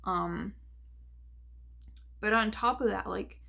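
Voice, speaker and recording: A woman's voice: medium pitch, takes it slowly, creaky, pushed and bright. A young woman author talking earnestly in a casual vlog, rambling with many fillers and losing her voice. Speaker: author and vlogger.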